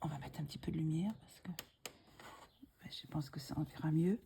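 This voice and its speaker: Speaking slowly and softly, a middle-aged woman narrates a coloring tutorial, thinking out loud and frequently slipping into a whisper. Her voice is low, with vocal fry and fairly even intonation.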